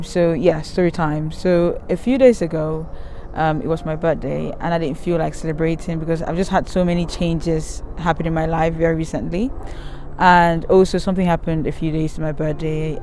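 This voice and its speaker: This time her voice is low-pitched and mellow, steady in tone and at a normal speed, with slight background noise. The young vlogger from Cameroon rambles candidly through a story for her channel, filming herself by a river on a handheld camera at arm's length, with many ums and restarts.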